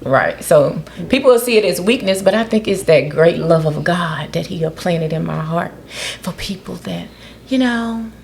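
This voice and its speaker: A woman co-hosting a casual podcast chat, animated and questioning, speaking. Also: low voice, normal speed, gravelly, few pauses, a little hiss or hum. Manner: animated, questioning, often quotes others in a raised voice. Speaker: podcast co-host.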